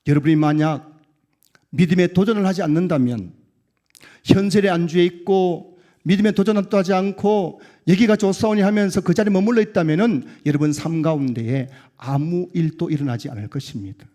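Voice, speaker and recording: Male pastor, earnest sermon delivery, fairly high pitch, loud emphatic peaks that fall away to quiet endings. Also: brisk. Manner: drops low and quiet to close sentences.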